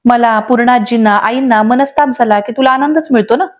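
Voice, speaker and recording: A woman's voice: a little high, fairly quick, dull audio, lightly acted. A woman reading the lines of a young wife who scolds her accuser. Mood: scolding. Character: young woman, wronged and angry.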